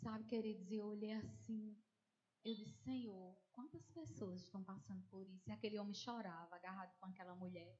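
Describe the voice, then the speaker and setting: A woman talks fairly quickly in a mid-range voice on a dull-sounding recording. Speaking with a Northeastern Brazilian accent, she preaches a testimony with animated storytelling, acts out others' voices, and calls the listeners dear ones.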